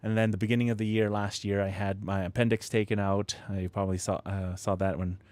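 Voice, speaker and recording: Talking fast with little pitch movement, a man with a low-ish, slightly mellow voice hosts a home live stream building model kits. He rambles casually to viewers, chuckling often amid many fillers and restarts, recorded dry on a close studio mic with proximity effect.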